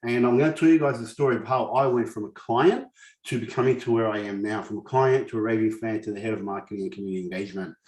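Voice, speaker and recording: Talking fast in a lowish, slightly mellow voice, a summit speaker in his forties shares earnest personal stories to motivate his audience, often starting over mid-thought. He has a lisp, isn't a native English speaker, grew up in a war-torn country and was raised in Australia. The recording is reverberant and of poor quality.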